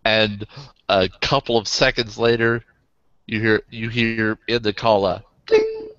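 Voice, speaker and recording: A man narrating a tabletop game in a relaxed way. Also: on the low side, a little slow, dry recording, dull audio.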